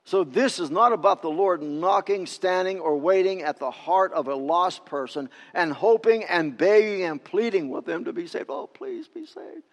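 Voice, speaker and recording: A male pastor preaching a sermon, emphatic, swinging between loud declarations and hushed appeals, in a church sanctuary. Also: high-pitched, normal speed, hardly any pauses, in a large hall.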